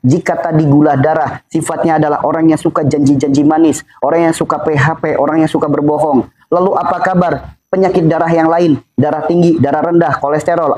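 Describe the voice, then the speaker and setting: A man's voice: on the high side, darkish tone, low-quality recording. Emphatic Sundanese-accented man preaching. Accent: Sundanese-accented Indonesian. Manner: fires repeated rhetorical questions at the crowd; emphatic and repetitive, drilling points home. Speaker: religious health speaker. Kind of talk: faith-based health talk to an audience.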